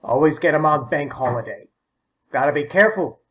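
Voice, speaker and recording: A man's voice: a little high, expressive, brisk, close to an everyday voice, rough recording. A man voicing a stubborn, fussy old man in an audiobook, peevish and sputtering. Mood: grumbling. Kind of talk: audiobook character voice.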